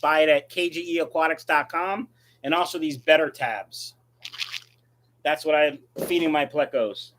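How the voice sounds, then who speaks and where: A man's voice: on the high side, normal speed, noisy background. A man hosting a casual livestream, reading viewer questions and answering them in a blunt, offhand way. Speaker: livestream host, aquarium fish breeder.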